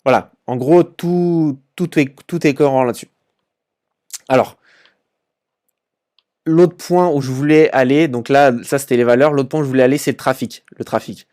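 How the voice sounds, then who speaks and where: A man's voice: mid-range voice, steady tone, moderate pace, pauses often, darkish tone. Chatty young man with many fillers. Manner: informal and chatty, many fillers and repeated words. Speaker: e-commerce channel host. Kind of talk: casual screen-share commentary.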